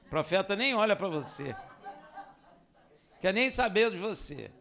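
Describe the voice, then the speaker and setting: A male preacher delivers a sermon at a congregation service. His voice sits high and has a gravelly edge. He keeps the sermon lively with repeated rhetorical questions. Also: a little slow. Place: synagogue service hall.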